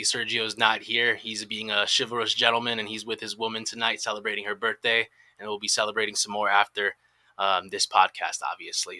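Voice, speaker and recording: Man podcast host, upbeat plug reads, very bright tone, dry close sound. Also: on the low side, no room sound. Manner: promotional, upbeat announcer delivery. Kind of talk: live podcast hosting.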